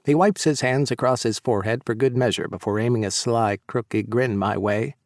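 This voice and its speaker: A man narrating a first-person romance audiobook in a warm, light storytelling delivery. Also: mid-range voice, moderate pace, no room sound, clean studio sound.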